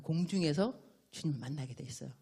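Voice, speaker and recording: A woman missionary preaching a sermon in an animated, playful way, acting out little dialogues. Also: sits low, fast, gravelly, breathy edge.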